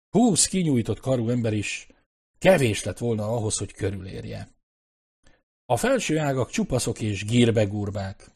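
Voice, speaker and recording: A man narrating an adventure novel in a measured, descriptive storytelling style. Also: medium pitch, darkish tone, breathy edge. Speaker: audiobook narrator. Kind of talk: scripted narration.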